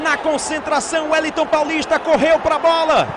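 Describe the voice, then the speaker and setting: A Brazilian man giving excited live football commentary, with shouted, drawn-out goal calls. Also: very high-pitched. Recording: loud stadium crowd noise behind. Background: roaring football crowd.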